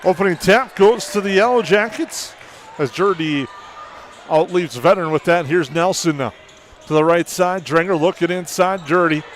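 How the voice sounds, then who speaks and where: A man's voice: high-pitched, normal speed, a little hiss or hum. A man working as a play-by-play broadcaster, giving live basketball commentary.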